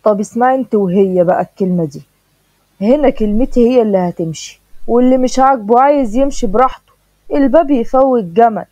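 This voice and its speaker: A woman's voice: medium pitch, warm tone, no room sound, lightly acted. A woman voicing a bossy, harsh middle-aged stepfather, in an Egyptian accent and a blunt, scolding manner. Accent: Egyptian Arabic. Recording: dull dry lo-fi recording.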